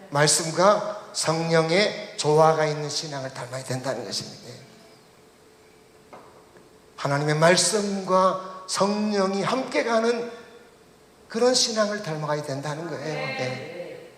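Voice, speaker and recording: In a church sanctuary full of echoing reverb, a male pastor preaches a sermon, asking the congregation questions and guiding them as they read the text aloud. His voice is a little high and a bit bright, unhurried, with frequent pauses.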